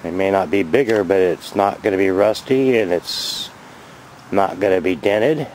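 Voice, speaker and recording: A man in his fifties giving a rambling, chatty show-and-tell vlog outdoors by his garage, filming on a handheld camera and getting excited over his finds. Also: low voice, normal speed, slight background noise, low-quality recording. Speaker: vlogger.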